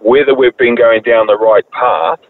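New Zealand caller on a tinny phone line. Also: male voice, mid-range voice, steady tone, normal speed. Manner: matter-of-fact, complaining about costs. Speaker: radio caller.

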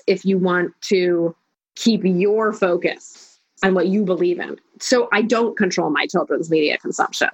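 The audio is poor, but the woman's mid-range voice comes through as she is interviewed as a life coach. Firm and declarative, she rattles off lists of points, accelerating as she goes.

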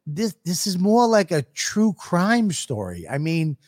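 A man's voice: high-pitched, big pitch swings, unhurried, darkish tone, dry recording, clean studio sound. A man co-hosting a podcast in casual banter, rambling with stammered restarts and teasing his co-host.

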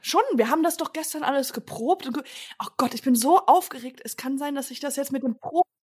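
This is a high, bright-voiced bank robber wife, played by a woman in an improv sketch. She rambles and babbles nervously in her chatty way. The scene is played for comedy, as a loose improvised sketch. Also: quick pace, natural voice. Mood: flustered. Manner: rambling, breathless and excitable.

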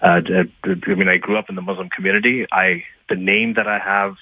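A man guesting on a radio show by phone, speaking haltingly and thoughtfully, with lots of fillers and restarts. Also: low-pitched, level tone, dry recording. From Pakistan, Libya and Saudi Arabia. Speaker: guest author. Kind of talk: phone-in interview. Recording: tinny phone line.

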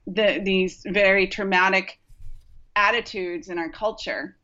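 A woman's voice: mid-range voice, steady tone, unhurried, pushed and bright, muffled recording. A woman acupuncturist talking casually as a podcast guest, rambling with many fillers and restarts. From Rochester, New York.

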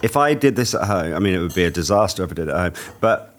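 Low-voiced enthusiastic male guest. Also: very animated, fast talker. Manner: enthusiastic, curious questions. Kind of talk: casual chat.

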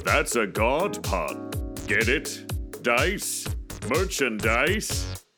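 A man playing a grandiose god of merchandising. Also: big pitch swings. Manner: slow, grand, pun-making pitchman. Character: boastful male god of merchandising. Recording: music playing behind.

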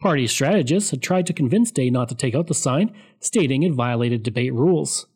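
A man giving a scripted, steady explanatory narration of political history. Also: mid-range voice, fairly quick, breathy edge.

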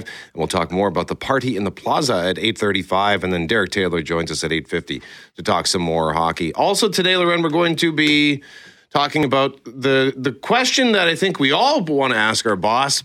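Bright, crisp-edged male radio host. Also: mid-range voice, dry recording. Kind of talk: conversational show announcements. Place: dry radio studio.

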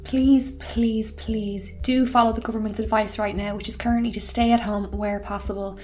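A woman reads a scripted podcast promo in an earnest, pleading tone. Her voice sits at a middle pitch. Faint music plays under her. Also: fairly even intonation, normal speed, a little mellow. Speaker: podcast host reading a promo.

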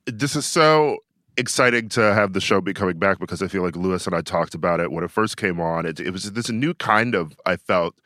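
Man, podcast host, lowish pitch, very bright tone, dry studio sound. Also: a little fast, no room sound. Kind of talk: podcast hosting, introductions and questions.

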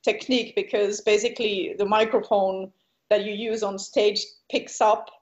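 Finnish woman, halting and laughing. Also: mid-range voice, fairly even intonation, darkish tone, highs cut off. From Finland. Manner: hesitant, searches for words, laughs often. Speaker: guest singer. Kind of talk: casual interview chat.

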